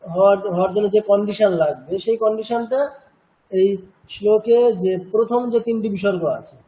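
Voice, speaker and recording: A man with a high, mellow voice teaches a Sanskrit chanting class in a cultural centre classroom, captured in a low-quality recording. He patiently explains pronunciation rules, asks repeatedly whether students follow, and slowly demonstrates chanted syllables.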